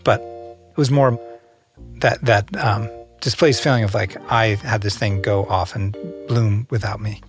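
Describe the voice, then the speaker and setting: A man's voice: fairly low pitch, fairly even intonation, a little slow, faint music behind. Wry, rueful man being interviewed. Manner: wry, rueful, self-deprecating. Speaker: interview guest. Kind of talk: casual conversation.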